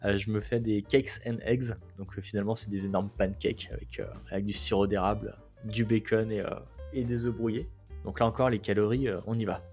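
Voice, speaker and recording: A man with a lowish voice tells a road-trip story in a loose, conversational way, often pausing on fillers. Soft music plays faintly behind him. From France. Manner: relaxed, chatty, many hesitations. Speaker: travel guest. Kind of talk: casual travel storytelling.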